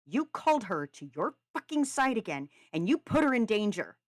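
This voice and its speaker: A woman voicing a furious shouting young man. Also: sits low, moderate pace, dry recording, natural voice. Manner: shouting, accusing. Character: furious young man blaming his brother.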